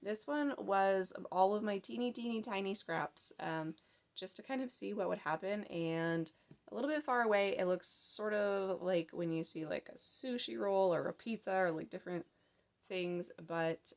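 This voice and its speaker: Speaking at normal speed in a creaky, medium-pitched voice, a woman in her thirties with a touch of a cold sounds hoarse. She designs crochet patterns and vlogs, and here she chats in a rambling, friendly show-and-tell about her handmade creations, heavy on fillers, from her daylit craft room at home.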